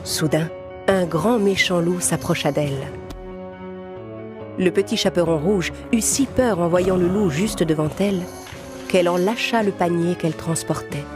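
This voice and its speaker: There's no rush as this woman, her voice slightly low, narrates a scripted story for children. Music can be clearly heard behind her.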